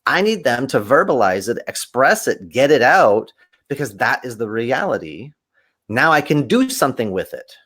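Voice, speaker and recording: A man, a podcast guest, telling stories animatedly in conversation and acting out quoted voices with big swings in pitch. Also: big pitch swings, normal speed, a bit bright. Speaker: podcast guest, kung fu teacher.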